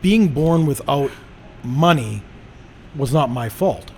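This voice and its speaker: A man's voice: medium pitch, lively intonation, slow, a little hiss or hum. A middle-aged man from Canada hosting a podcast, talking in an emphatic, lecturing way. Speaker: podcast host. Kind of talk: casual conversation.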